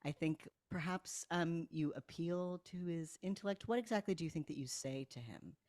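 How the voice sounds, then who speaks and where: A woman's voice: fairly low pitch, normal speed, no room sound, studio quality. A woman narrating and running a tabletop game, talking in a chatty, filler-heavy way. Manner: warm-hearted, filler-heavy, giggly. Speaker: game master.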